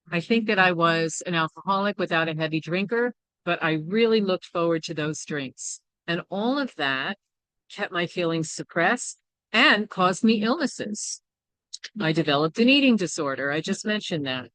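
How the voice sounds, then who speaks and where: A woman leads a workshop in a low, slightly bright voice with no room sound. She shares candid reflections in a personal teaching manner, often punctuated by "you know" and "right?" as she checks on her listeners.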